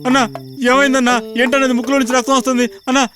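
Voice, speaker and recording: A man's voice: very high-pitched, monotone, racing, over music. An actor playing a fawning young henchman who pleads and whines over and over in a dubbed comedy film. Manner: pleading, repetitive whining. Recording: film soundtrack with loud score.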